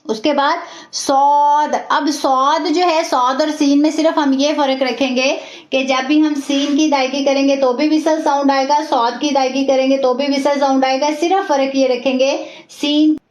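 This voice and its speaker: A woman teaching a recitation class, patiently repeating each word slowly and often checking in with her students. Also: high voice, fairly even intonation. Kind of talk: online class lesson, slow repetition drills. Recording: roomy, dull lo-fi audio.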